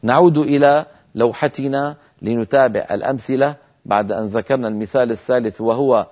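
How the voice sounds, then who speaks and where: Heard through muffled broadcast audio, a medium-pitched man teaches recitation on television. Each rule gets a calm explanation followed by a slow demonstration full of long, drawn-out nasal sounds.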